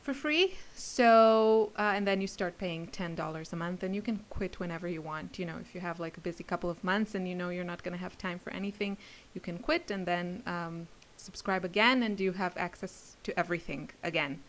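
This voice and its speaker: A woman who makes craft videos and teaches classes rambles and giggles as she chats casually to camera for her viewers. Her voice is lowish and fairly quick, with hardly any pauses, and the recording is rough.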